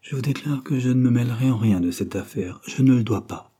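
A dignified young countess and mother, pleading and proud, as a man reads her part. Her voice is lifted above a deep, dark reading voice and stays husky. She sounds strained as she holds back tears. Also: fairly quick, close to an everyday voice.

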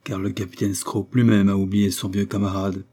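A man voicing a ragged young ensign, just escaped from captivity, who speaks with halting, wounded pride. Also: on the low side, little pitch movement, dark tone, lightly acted.

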